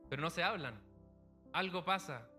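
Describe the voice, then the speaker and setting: A man delivers a sermon in a church, speaking in an easy, conversational way and illustrating his points with everyday stories. His voice is bright and sits a little high for a man. Faint music plays quietly underneath. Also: animated, normal speed. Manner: conversational preaching with illustrative anecdotes. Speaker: pastor.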